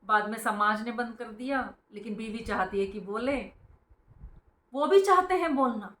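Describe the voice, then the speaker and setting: In a roomy, echoing space, a woman with a slightly high voice delivers an informal spiritual talk at a moderate pace, earnestly explaining her points. She addresses her listeners as friends and briefly acts out strict parents hushing their children.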